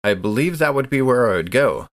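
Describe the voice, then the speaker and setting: An animated, mid-range male voice describes his character's moves in a tabletop game, improvising casually. He halts often, searching for what to say.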